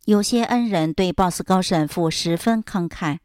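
A woman narrating a religious biography as a steady, measured, solemn scripted reading. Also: fairly low pitch, clean tone, no echo, clean studio sound.

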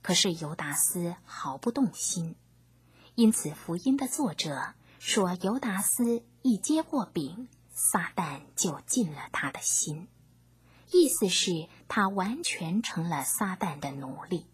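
A woman narrating a scripture story, reading gently in a half-whispered way. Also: on the low side, very animated, takes it slowly, slightly rough, no echo.

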